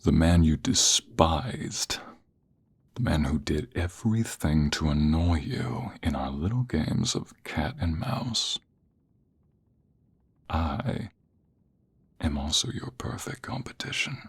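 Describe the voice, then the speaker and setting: A man voices a cocky office rival in a suit for an ASMR romance roleplay, addressing the listener directly with teasing, aggressive flirtation that feels smug and intimate. His expressive, exaggerated voice is extremely deep and very husky, frequently dropping to a breathy whisper, and he stretches every taunt out slowly and deliberately.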